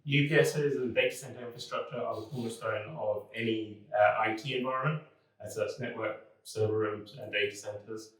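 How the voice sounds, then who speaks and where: A man, a business development manager, speaking in a relaxed, conversational way in a corporate talking-head video. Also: fairly low pitch, fairly quick. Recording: very echoey room, mic far off.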